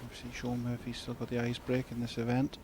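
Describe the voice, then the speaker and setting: A man giving measured, understated live snooker commentary. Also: medium pitch, completely flat delivery, darkish tone. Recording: crowd and noise behind, broadcast arena. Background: snooker arena crowd, clicking balls.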